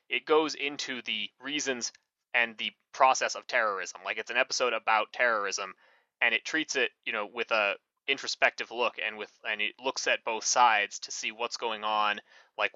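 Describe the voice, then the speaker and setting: A man's voice: lowish voice, bright, forceful tone, no room sound. A man co-hosting a podcast in casual chat, rambling with many fillers and self-corrections. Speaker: podcast co-host. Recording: muffled lo-fi mic.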